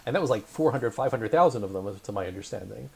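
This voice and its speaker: A man's voice: lowish voice, animated, fast talker, creaky, husky. A man hosting a remote interview, chatty and hesitant with many "um"s, laughing often. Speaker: interview host.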